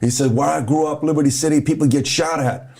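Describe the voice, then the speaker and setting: A man's voice: a little high, fast, gravelly. A middle-aged man from Iran telling motivational stories as a podcast guest, acting out the dialogue as he goes. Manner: animated, acts out dialogue in stories. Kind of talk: motivational storytelling.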